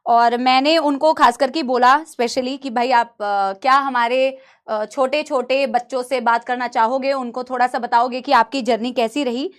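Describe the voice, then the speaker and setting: Casual online class with a woman teacher. her voice sits high and she keeps up a friendly, chatty patter with her students, calling them in close. she is coming through a laptop mic. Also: steady tone, measured pace. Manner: chatty, addresses students fondly. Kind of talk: live online class talk.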